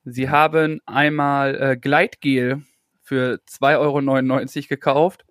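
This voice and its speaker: A man's voice: mid-range voice, flat delivery, a little slow, a bit bright, no room sound, clean studio sound, natural voice. A man playing a mock-earnest tenant or surveyor in an improvised comic phone role-play, formal, polite and a little hesitant. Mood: officious.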